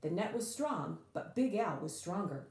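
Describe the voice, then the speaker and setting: With a mid-range voice, a woman reads a children's picture book aloud, dramatic and expressive, stretching out key words for emphasis. The sound is roomy.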